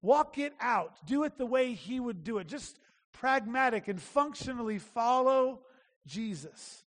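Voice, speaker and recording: Male preacher, very high voice, chatty emphatic sermon, long echoing hall. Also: animated, unhurried, a bit bright. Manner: conversational preaching, emphatic repetition. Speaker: pastor.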